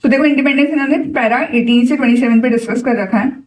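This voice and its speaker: A woman's voice: high-pitched, fast talker, a little mellow, distant mic, rough recording. A young woman with an Indian English accent, a coach giving an exam-prep lesson and mixing Hindi and English directly and encouragingly.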